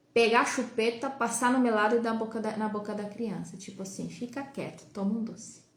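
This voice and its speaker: A woman with a Brazilian Portuguese accent hosting a live talk, chatting with viewers and asking many rhetorical questions. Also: mid-range voice. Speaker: host of a live talk on child development. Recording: roomy echo.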